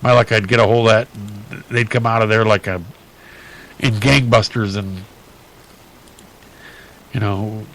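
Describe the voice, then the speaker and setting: A man hosting a radio talk show, reading odd news stories aloud in a chatty, halting way with many fillers and restarts. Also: lowish voice, steady tone, fairly bright tone, rough recording.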